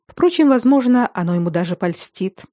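A woman voicing a calm, ironic elderly nobleman with a dry, teasing manner. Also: mid-range voice, moderate pace, no room sound, natural voice. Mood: wry.

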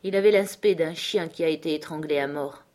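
A woman narrating a novel as an audiobook, measured and clear. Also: low voice, darkish tone.

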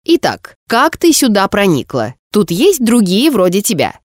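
A woman voicing a stern, cold woman investigator with a creaky voice, questioning slowly and demandingly in an audiobook. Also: mid-range voice, wildly swooping pitch, dry recording, clean studio sound. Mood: stern, menacing. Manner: slow, demanding interrogation. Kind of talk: audiobook character voice.

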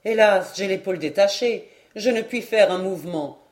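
A woman's voice: medium pitch, moderate pace, darkish tone, lightly acted. A woman voicing a proud male knight in a storybook reading, speaking in a courtly, boastful manner.

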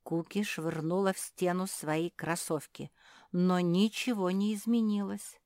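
A woman's voice: on the low side, steady tone, unhurried, mellow, no echo, studio quality. A woman storyteller expressively reading a children's story.

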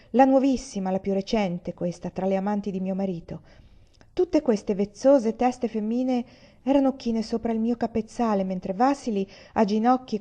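A woman's voice: mid-range voice, warm tone, dull audio. A woman reading a literary novel aloud, voicing the characters' lines with rising emotion. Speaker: reader.

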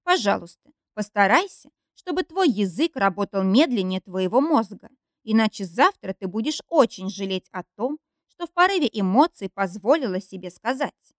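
A woman's voice: mid-range voice, expressive, moderate pace, no room sound, studio quality, natural voice. Woman reading as a stern tired young man. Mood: firm, weary. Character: weary, firm young man, fed up. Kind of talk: audiobook character reading.

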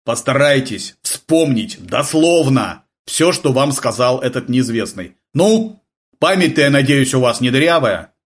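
A man's voice: on the high side, very animated, moderate pace, few pauses, pitched above the performer's own voice. A man voicing a stern, tense naval senior lieutenant who gives curt, commanding orders in an audiobook. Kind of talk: audiobook character voice.

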